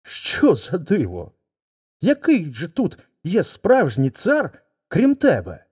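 A man's voice: high voice, huge pitch swings, slow, darkish tone, slightly rough, voice pushed up, full character voice. A man voicing an eager, fawning male wolf in a folk tale reading. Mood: eager, curious.

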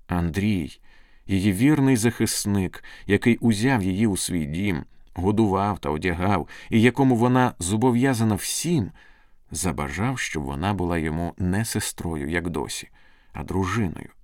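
A man with a low voice reads a story aloud with dramatic expression, his pitch rising and falling widely. The sound is dry and close to the microphone. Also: expressive, moderate pace, darkish tone, no echo. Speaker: narrator. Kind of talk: scripted storybook narration.

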